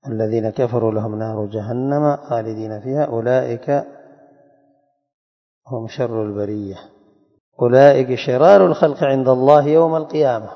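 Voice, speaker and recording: A man giving a religious lesson, reading chains of narrators and explaining them slowly, and asking his students questions. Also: mid-range voice. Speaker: hadith teacher. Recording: dull echoey hall recording.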